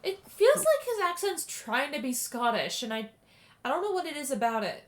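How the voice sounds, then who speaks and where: A woman's voice: high voice, big pitch swings, moderate pace. A woman streamer giving casual, rambling watch-along commentary. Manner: rambling, chatty, trails off.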